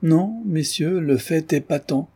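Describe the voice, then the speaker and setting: A man reading an audiobook, voicing a grave older general who recounts events in a measured, solemn way. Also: a little high, mellow, breathy edge, pitched above the performer's own voice.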